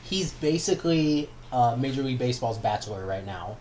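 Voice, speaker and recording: A man's voice: mid-range voice, fairly quick. A male podcast guest chatting casually, confident and explaining with analogies. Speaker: guest, co-founder of the show. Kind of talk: casual sports podcast chat. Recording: noisy line with steady hiss.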